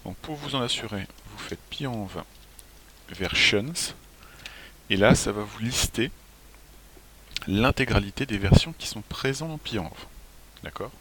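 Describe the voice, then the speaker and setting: Male tutorial presenter, lowish pitch, relaxed and halting, light hiss on the recording. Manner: relaxed, clears throat often, hesitant restarts. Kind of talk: screencast walkthrough. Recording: faint hiss.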